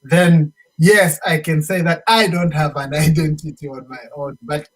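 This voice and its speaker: On a rough recording, a Zambian-accented musician appearing as a show guest speaks in a steady, measured way with a high-leaning, breathy voice. In this casual interview chat he emphatically restates points and slips into local phrases.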